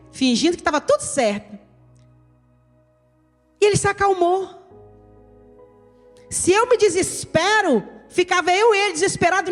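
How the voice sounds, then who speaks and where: A woman pastor with a Brazilian accent, preaching an emphatic sermon and addressing her listeners as "querido". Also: very high-pitched. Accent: Brazilian Portuguese. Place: church hall. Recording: reverberant church hall with soft music.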